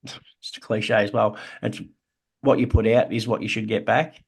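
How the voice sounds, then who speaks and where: A man's voice: fairly low pitch, level tone, moderate pace, vocal fry, breathy edge. An Australian man, podcast co-host, telling his own story in an earnest, reflective way. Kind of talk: casual chat.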